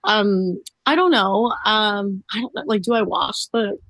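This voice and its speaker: A woman's voice: mid-range voice, animated, a little slow, fairly bright tone, dry recording. A woman guest in a casual podcast interview, talking chattily with lots of "like" and "um". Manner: chatty, fills speech with "like" and "um".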